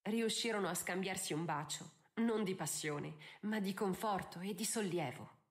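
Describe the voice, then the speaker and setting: A woman narrating a novel in an audiobook, measured and expressive. Her voice sits at a middle pitch. She moves through the scenes with clear, steady storytelling.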